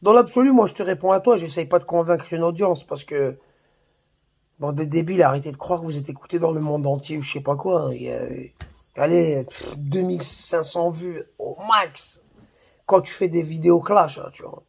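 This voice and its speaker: A man with a high, gravelly voice tears into a rival in a slangy, mocking rant. He swears freely and talks straight to the camera in a casual vlog. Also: normal speed. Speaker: YouTuber. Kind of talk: heated insulting rant to camera.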